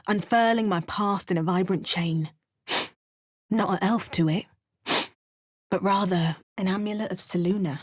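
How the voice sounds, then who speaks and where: A woman with a lowish, darkish-toned voice plays the player character in a video game, a wry, resolute female adventurer who narrates and makes dry, understated remarks.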